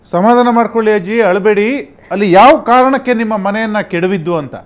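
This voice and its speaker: A man's voice: high voice, brisk. A man presenting a news report, speaking earnestly and appealing to viewers. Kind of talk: news commentary.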